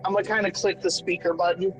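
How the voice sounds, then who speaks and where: A man's voice: high-pitched, level tone, fast, over music, rough recording. A man playing a tabletop game, speaking hesitantly and stammering in character. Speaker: player. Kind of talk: casual tabletop play.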